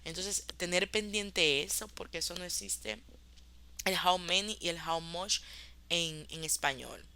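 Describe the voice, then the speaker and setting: Woman teacher, clear bright tone, patient review of course modules. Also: fairly low pitch. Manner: explains in Spanish, slowly models English examples. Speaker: English teacher. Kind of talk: online class review.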